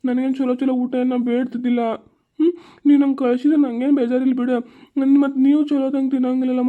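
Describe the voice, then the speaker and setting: A woman's voice: high voice, natural voice. Woman playing a plaintive hostel schoolboy. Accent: North Karnataka Kannada. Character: young schoolboy living away at a hostel. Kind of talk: family drama acting. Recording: muffled lo-fi recording.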